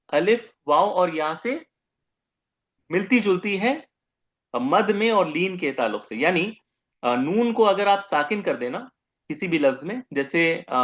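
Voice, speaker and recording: A man's voice: fairly high pitch, a bit bright, muffled recording. A man teaching Arabic grammar in a recorded lecture, explaining patiently and drawing out sounds when he demonstrates them.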